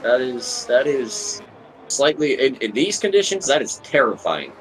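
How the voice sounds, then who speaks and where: A man giving live sim racing commentary, excitable and joking, rising to shouts at incidents. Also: medium pitch, a little slow, slight background noise, low-quality recording. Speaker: race commentator.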